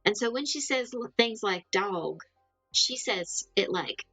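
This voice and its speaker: Chatting casually with her live viewers, this Southern U.S. livestream host rambles and laughs a lot, her mild Southern accent coming through. She has a medium-pitched, animated voice with a sharp tone and a measured pace. The audio is poor with no echo, and faint music plays behind her.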